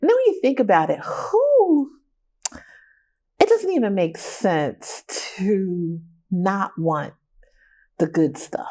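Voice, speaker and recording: A woman's voice: mid-range voice, sing-song, takes it slowly, pauses often, mellow. A woman in her fifties, a guest artist in a casual interview, talking reflectively, laughing often and repeating phrases as she thinks. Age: 50s.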